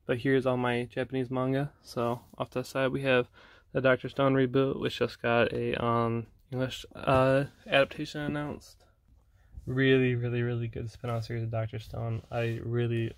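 A young man in a relaxed home video, talking through his collection with lots of fillers and quiet laughs. His delivery stays level and monotone, and the room sound is dry and close. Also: medium pitch, normal speed, dry recording. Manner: relaxed, rambling, frequent fillers and soft laughs. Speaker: manga collection vlogger. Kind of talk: casual collection showcase.

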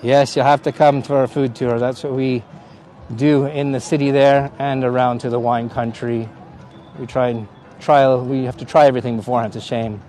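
A Canadian tour guide, middle-aged and with a Canadian accent, live-streams casually outdoors at a hilltop park, with frequent laughter and greetings to viewers by name. His mid-range voice sounds warm, with fairly even intonation at normal speed. A phone on a gimbal, held at arm's length, does the recording.

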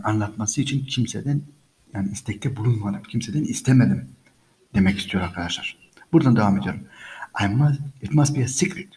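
A man's voice: fairly low pitch, dark tone, low-quality recording. A man teaching English by reading a story aloud and explaining each line patiently, repeating phrases and speaking to listeners as friends.

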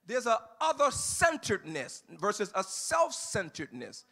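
High, bright-voiced preaching man. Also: normal speed. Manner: builds from calm teaching to shouted, sing-song preaching. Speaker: pastor. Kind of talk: sermon. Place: church sanctuary.

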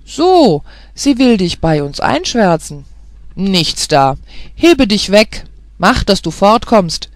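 A reader voicing gruff, scornful older male gate guards in an audiobook fairy tale, shouting harshly and mocking. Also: mid-range voice, lively intonation, measured pace, no echo, close to an everyday voice.

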